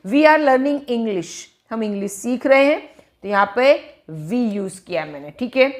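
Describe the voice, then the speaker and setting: A woman's voice: on the high side, expressive. A woman teaching English grammar in Hindi, explaining each term and checking understanding with repeated questions. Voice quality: slow, careful reading of English example sentences. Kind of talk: grammar lesson.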